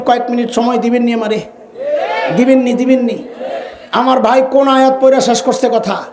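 A man, preaching an impassioned Islamic sermon, often shouting and firing rhetorical questions at his audience. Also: very high-pitched, noisy background. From Bangladesh. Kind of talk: fiery Islamic sermon (waz). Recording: echoey live sermon recording.

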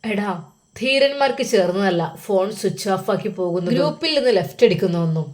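A woman's voice: mid-range voice, animated, fast, natural voice. A woman voicing a firm, encouraging young friend. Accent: Malappuram Malayalam.

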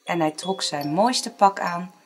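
A woman narrating a children's storybook in an expressive, dramatic way. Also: lowish voice, takes it slowly, over loud music.

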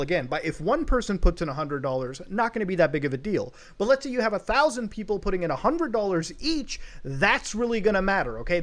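A man narrating a commentary video in an emphatic way, driving each point home with a pointed "okay?". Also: high-pitched.

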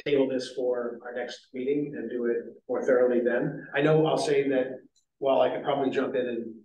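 A man's voice: medium pitch, steady tone, brisk, a little mellow, muffled recording, a little hiss or hum. A man chairing a city zoning board meeting, talking in a rambling way with many fillers and restarts. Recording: echoey meeting room, distant mic.

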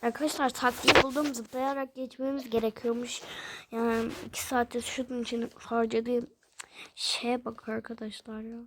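A young woman with a hoarse voice, commenting casually on her game play and complaining aloud to viewers whenever things go wrong. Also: fairly high pitch, level tone, normal speed, background noise. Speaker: gameplay video maker.

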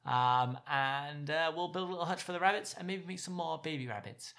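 A young man giving excitable let's play commentary, gushing over and talking to the animals in his game. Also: fairly high pitch, fairly quick, vocal fry. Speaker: gaming YouTuber.

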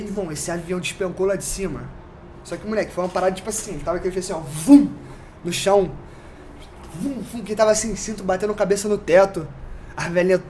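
Animated Brazilian man telling a story. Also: sits high, a little hiss or hum. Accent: Brazilian Portuguese. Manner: animated, full of slang and sound effects. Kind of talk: casual podcast storytelling.

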